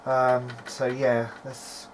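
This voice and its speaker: Speaking very slowly and with completely flat delivery, a man with a medium-pitched voice tests equipment. He's a hobbyist electronics repairer thinking aloud in an informal, hesitant video diary, and the amateur recording is noisy.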